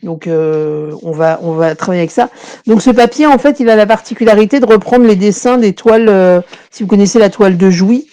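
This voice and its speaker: A woman's voice: medium pitch, fairly quick, warm tone. A woman hosting a live craft tutorial, chatting casually with viewers and full of fillers and restarts as she explains her project. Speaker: crafting demonstrator.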